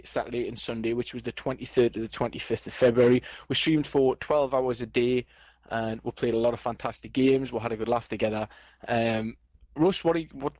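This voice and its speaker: A man hosts a relaxed gaming podcast with a joking, playfully boastful manner. His voice sits at an ordinary middle pitch. The sound is close and dry, with no room echo. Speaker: podcast host. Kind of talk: casual podcast chat.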